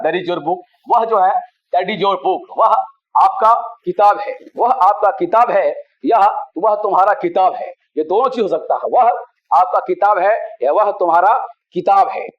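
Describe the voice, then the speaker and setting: A man teaching a spoken English class, explaining grammar slowly and spelling words out letter by letter. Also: high voice. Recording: dull lo-fi sound.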